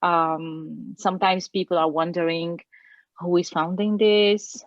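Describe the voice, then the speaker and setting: Gravelly low woman, muffled call audio. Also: fairly even intonation, measured pace, no echo. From Morocco. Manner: hesitant, many fillers. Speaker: webinar guest. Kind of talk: thoughtful panel talk.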